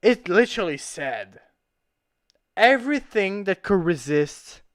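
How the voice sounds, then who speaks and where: A drunk livestream host rambling and swearing through casual commentary, getting drunker and prone to excitable shouting. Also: mid-range voice, takes it slowly.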